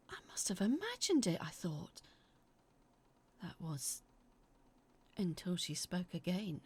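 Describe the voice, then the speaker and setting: Taking the role of dramatic narrator, a woman with a husky, mid-range voice reads a scripted first-person horror story in a theatrical, expressive style.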